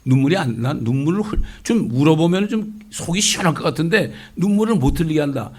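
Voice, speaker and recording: A middle-aged man preaching a conversational sermon as a pastor, lively and full of rhetorical questions. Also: on the high side, fast talker, slightly rough. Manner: lively, asks rhetorical questions, acts out quotes.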